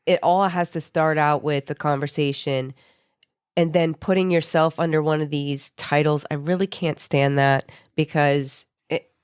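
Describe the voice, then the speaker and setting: This speaker has a stuffy nose and explains terms in a hesitant way, with many pauses. The voice sits at a mid pitch. The sound is dry and close. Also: fairly even intonation, clean tone, no room sound. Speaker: podcast co-host. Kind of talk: casual discussion.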